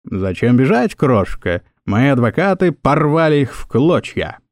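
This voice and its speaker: A man's voice: mid-range voice, big pitch swings, unhurried, no room sound, studio quality. A man doing a cocky tipsy office clerk. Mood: smooth. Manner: cocky, mock-tough.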